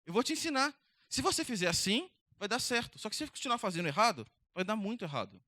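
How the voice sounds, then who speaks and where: A man voicing God as a patient, fatherly teacher, speaking softly and coaxingly. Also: high voice, sing-song, fast, no room sound, heavily acted. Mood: gentle, coaxing.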